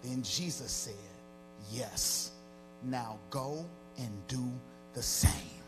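A man's voice: mid-range voice, very slow. A man in his forties preaching a sermon as pastor on a church stage, into a handheld mic, with a rising, half-sung preaching cadence. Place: large church stage with band gear and audience. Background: music.

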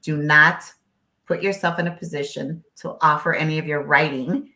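Speaking from a home office with an echoey room, a woman interpreter whose native language is Spanish guests on a video call. Her low voice is steady, bright and forceful at a moderate pace, and she makes her points emphatically through many rhetorical questions.

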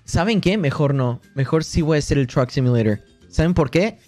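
A man's voice: fairly high pitch, animated, fairly quick, a little mellow, soft background music. A young man with a Mexican accent, livestreaming a game in a boastful, joking way, swearing constantly. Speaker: streamer. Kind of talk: casual gaming livestream.

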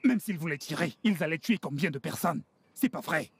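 An actor playing a domineering, indignant street gang boss in a dubbed film drama, scolding emphatically. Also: male voice, fairly high pitch, animated, brisk, creaky, breathy edge, no room sound, heavily acted. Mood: indignant ranting. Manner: scolding, emphatic, repeats himself.

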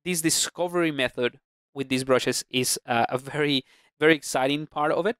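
A man narrating a screen-recorded 3D sculpting tutorial, talking through his brushes in a relaxed way with plenty of fillers and restarts. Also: a little high, normal speed, clear, resonant tone, dry recording, clean studio sound. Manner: relaxed, thinking aloud with many fillers and restarts. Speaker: ZBrush instructor. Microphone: close mic, voice-over on screen capture.

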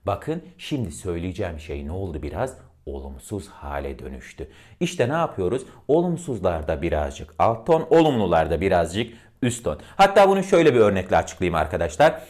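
Deep-voiced man teaching intonation. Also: big pitch swings, brisk, a little mellow. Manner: demonstrates words by swinging between deep and high tones; addresses listeners directly as friends. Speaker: voice and diction teacher. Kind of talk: instructional lesson on intonation.

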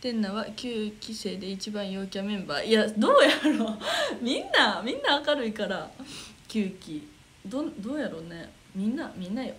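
This young woman, an idol streamer with a Kansai accent, has a medium-pitched, slightly bright voice that swings widely in pitch at a normal pace. She chats casually, reads viewers' comments aloud, giggles frequently, and murmurs to herself while searching for the next one. The audio quality is poor.

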